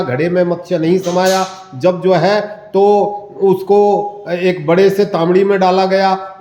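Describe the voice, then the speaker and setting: A man gives a devotional talk in a slightly high voice, telling an old story and then listing rites one after another with small pauses. The room around him rings with echo. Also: a little mellow. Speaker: religious teacher. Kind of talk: devotional discourse.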